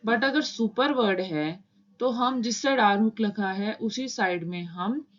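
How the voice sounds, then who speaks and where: A woman's voice: mid-range voice, takes it slowly, muffled recording. Patient woman teaching shorthand. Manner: patient, repeats steps, mixes English terms into Hindi. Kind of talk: step-by-step lesson explaining while writing.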